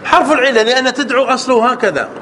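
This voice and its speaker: A man teaching a grammar lesson to a class. He checks with his students often, repeats words, and stretches key words out slowly. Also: extremely high pitch, pushed and bright, a little hiss or hum.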